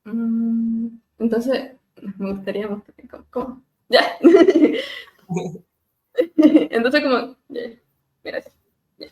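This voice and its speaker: A woman speech therapist leading a webinar on voice care, gently demonstrating hums and glides over a video call and laughing at herself now and then. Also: on the high side, lively intonation, slow pace, long pauses. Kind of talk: live webinar lesson on vocal exercises.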